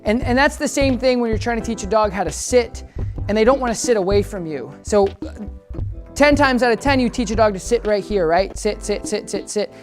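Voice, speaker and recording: A man working as a dog trainer, casually explaining his method to viewers and breaking into high, upbeat praise and commands for the dog. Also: animated, a little fast. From United States. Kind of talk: instructional training demo. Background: background music.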